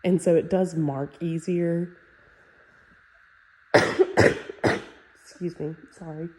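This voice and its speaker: This woman talks very slowly, her fairly low voice carrying a breathy edge and a congested, nasal stuffiness from a sinus infection. She's a real estate agent giving a casual walkthrough of a house. Her manner stays easygoing and talkative, full of "um" and "like".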